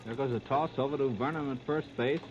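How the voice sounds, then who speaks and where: This is 1930s American radio baseball commentary: a man with a medium-pitched, fairly even voice calls the plays quickly in a clipped running description. The 1939 radio disc sounds muffled and very noisy.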